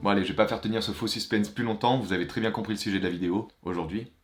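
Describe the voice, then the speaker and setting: A young man, talking to his viewers in a chatty, energetic vlog from Japan, with playful asides. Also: fairly low pitch, racing, music in the background. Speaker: YouTuber. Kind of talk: casual vlog monologue with a sponsor read.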